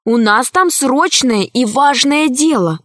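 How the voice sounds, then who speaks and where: A woman's voice: high-pitched, animated, slow, no echo, studio quality, full character voice. A woman reading as a bold, outspoken girl. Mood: earnest. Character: bold young girl, frank and lively.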